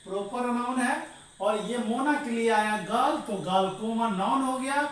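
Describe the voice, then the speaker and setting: Guy teaching grammar, kinda high voice, quizzes the class then answers himself, really echoey room. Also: moderate pace, a bit bright. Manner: asks the class questions and answers them himself, calls listeners "dear". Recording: very echoey room, voice far from the mic, faint noise.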